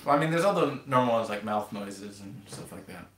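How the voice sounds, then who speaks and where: A young man hosts a casual live stream, speaking briskly in a lowish, expressive, fairly bright voice. He rambles and hesitates with lots of ums, and the camera-mounted mic captures a roomy home sound with faint hiss.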